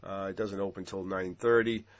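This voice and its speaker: A man with a stuffy, congested voice from a cold, giving casual market commentary over trading charts, relaxed with lots of ums and uhs. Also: low-pitched, normal speed, muffled recording. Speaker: futures trading analyst.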